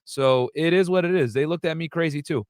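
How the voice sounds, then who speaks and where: A man's voice: on the high side, brisk, darkish tone, dry recording, clean studio sound. Chatty young man hosting a livestream. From United States. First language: Arabic. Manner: chatty, many fillers and asides to viewers. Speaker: livestream host. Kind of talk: casual livestream commentary.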